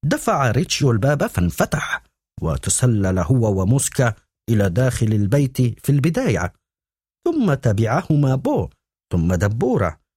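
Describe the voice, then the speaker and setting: A man reads a novel aloud in a steady storytelling manner. His voice is mellow and a little husky, and it rises and falls with the story. The sound is close and dry. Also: mid-range voice, moderate pace, no echo. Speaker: audiobook narrator. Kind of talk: scripted narration.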